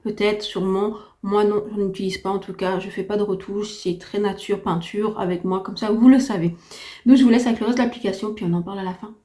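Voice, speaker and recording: A woman's voice: medium pitch, steady tone, brisk, dark tone. A woman giving a chatty, enthusiastic beauty review to camera, her unsteady voice giving out after a heavy cold. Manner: chatty, enthusiastic, repetitive emphasis. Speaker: beauty vlogger. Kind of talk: casual product review to camera.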